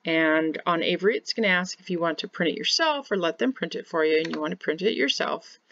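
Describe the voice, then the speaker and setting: A woman's voice: on the low side, expressive, fairly quick, vocal fry, fairly bright tone, no echo, dull audio. Woman explaining labels step by step. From Kansas, United States. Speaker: home bakery business teacher. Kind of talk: screen-share software tutorial. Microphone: webcam in corner of screen share.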